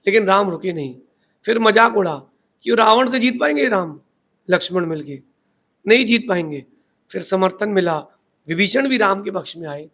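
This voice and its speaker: A man's voice: sits high, creaky, a bit bright. A man giving a sermon in a preachy storytelling manner, asking rhetorical questions as a spiritual teacher.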